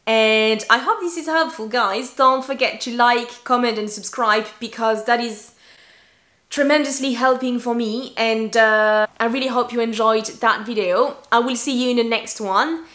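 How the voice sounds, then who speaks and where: A woman whose first language is French, teaching English pronunciation in a bilingual lesson and slowly drawing out example words. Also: on the high side, a bit bright. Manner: switches between English and French, slow drawn-out examples. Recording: echoey room.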